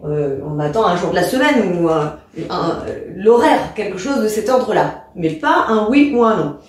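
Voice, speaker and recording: A woman's voice: medium pitch, expressive, normal speed, darkish tone. A woman teacher explaining a lesson, speaking informally to the pupil and acting out rising and falling intonation. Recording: echoey room, distant from mic.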